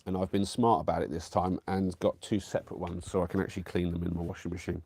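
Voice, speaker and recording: He has a deep, husky voice with vocal fry and little pitch movement, and he talks fast. Bunged up from a cold, the man rambles casually to his live-stream viewers from his camper van, chatty and warm, with many fillers and restarts.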